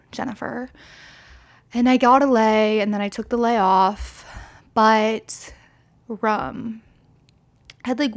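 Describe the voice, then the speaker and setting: A woman in her twenties, a bit tipsy, hosts a casual solo podcast in a slightly high, gravelly voice. She rambles candidly, swearing and piling on fillers.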